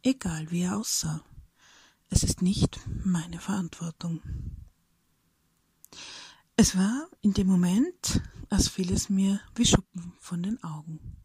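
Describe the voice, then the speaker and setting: A woman reading a reflective personal story aloud in a soft, breathy whisper, slowly and thoughtfully. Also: fairly low pitch, no room sound.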